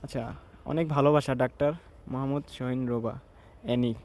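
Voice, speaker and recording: A man gives a hushed, reflective walking tour of an outdoor graveyard, pausing to read the graves aloud. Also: mid-range voice, fairly even intonation. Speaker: vlogger. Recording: outdoor ambience noise.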